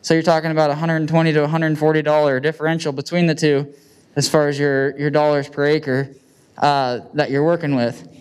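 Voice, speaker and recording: A man from the United States with a Midwestern accent talks plainly and informally into a handheld mic, like a farmer presenting to peers in an indoor meeting room before a seated audience. His voice is slightly high for a man, very clean and smooth, level and brisk with a darkish tone. His language is colloquial and practical.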